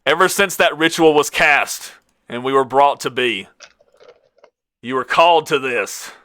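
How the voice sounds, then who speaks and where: A man's voice: mid-range voice, a little slow, bright, forceful tone, smooth, no room sound. A man voicing a cackling, taunting male villain who delivers grand menacing monologues in a tabletop game.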